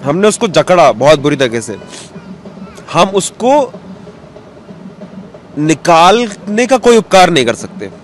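A cartoonist in his thirties sits on a courtyard bench outdoors, giving reflective answers into an interviewer's handheld mic and slipping English words into his speech. His voice is a little high, with big pitch swings, a slow pace, and long pauses. Street noise and traffic can be heard behind him.

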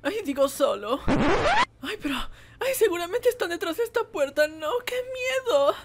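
A woman performs a full character voice for Whis, the timid, fussy male angel of a comic fan animation: very high-pitched, sing-song and unhurried, on a very noisy recording with game music behind it. Panicky and excited, the camp angel keeps sighing "ay" and shrieks in fright.

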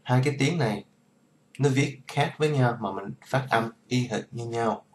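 A man's voice: medium pitch, a little hiss or hum. A man, a native Vietnamese speaker, casually teaching English pronunciation and repeating each model word several times. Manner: slow, repeats model words many times. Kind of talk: casual pronunciation lesson vlog.

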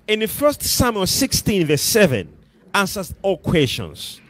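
A man's voice: high-pitched, huge pitch swings, measured pace, no echo. A middle-aged man with a Malawian accent preaching a sermon on a church stage into a handheld mic, emphatic and repeating his phrases. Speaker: pastor.

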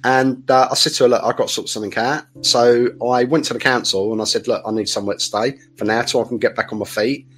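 A man's voice: medium pitch, steady tone, fast talker, few pauses, slightly rough. A middle-aged man, telling his story as a podcast guest in a rambling, candid way full of restarts. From south-east England. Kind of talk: casual interview storytelling.

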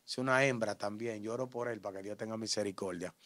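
A man with a Dominican accent giving an interview testimony in street slang, acting out shouts and gunshots as he tells it. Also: fairly low pitch, fast, no echo. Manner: animated, acts out shouts and gunshots.

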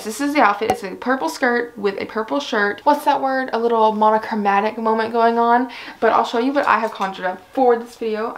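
A woman's voice: medium pitch, a little hiss or hum. A young woman chatting casually to camera in a fashion try-on vlog, bubbly and giggly, full of fillers, a little out of breath. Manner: bubbly, giggly, lots of fillers like "like" and "I don't know". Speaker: fashion vlogger.

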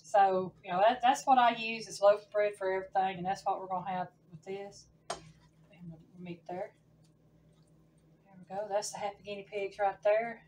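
A woman's voice: medium pitch, steady tone, moderate pace, a little mellow, far from the mic, a little hiss or hum. A woman, hosting a casual home cooking demonstration in her kitchen and chatting folksily to viewers. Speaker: home cooking channel host.

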